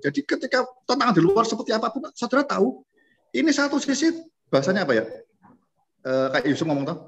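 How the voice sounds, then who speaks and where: A man's voice: sits high, fairly bright tone. A man preaching a conversational sermon, often calling his listeners brothers and sisters. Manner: conversational, addresses listeners as saudara. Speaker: pastor. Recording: dull lo-fi recording.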